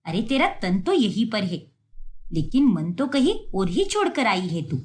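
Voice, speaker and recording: A woman voicing a strict, sarcastic middle-aged mother in an animated story. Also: medium pitch, normal speed, pitched below the performer's own voice, lightly acted. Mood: scolding. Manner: nagging, sarcastic.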